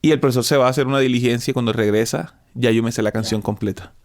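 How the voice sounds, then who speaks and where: A man's voice: medium pitch, fairly even intonation, racing, a little mellow. Colombian man telling stories, hesitant. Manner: hesitant, many fillers and restarts. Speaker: guest musician. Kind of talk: casual storytelling interview.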